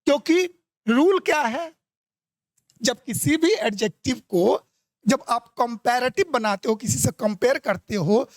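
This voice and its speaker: An Indian-accented man teaches an exam-prep grammar lesson in a notably high voice. He talks at an unhurried pace and says each example sentence slowly and deliberately. The sound is dry, with no room echo. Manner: keeps checking if students understood.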